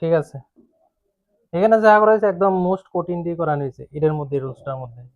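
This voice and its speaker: High-voiced male teacher, questioning. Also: lively intonation, fast, no room sound. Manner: questioning, repetitive, coaxing students. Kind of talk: classroom grammar lesson. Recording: dull dry classroom recording.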